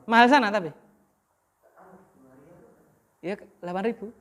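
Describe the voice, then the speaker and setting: A woman's voice: mid-range voice, a little slow. A woman teaching Arabic grammar, often leaving a sentence open for students to finish. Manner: quizzes the class with half-finished questions. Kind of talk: classroom lesson.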